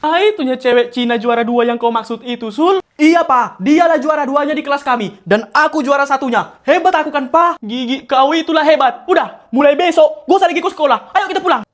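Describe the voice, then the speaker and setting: Woman, high-pitched, comedy sketch, switching character voices. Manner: quick comic dialogue, switching between character voices.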